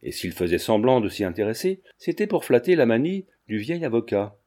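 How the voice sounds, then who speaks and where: Male audiobook narrator, classic novel, steady storytelling, warm dark voice. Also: mid-range voice, a little fast. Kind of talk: scripted narration.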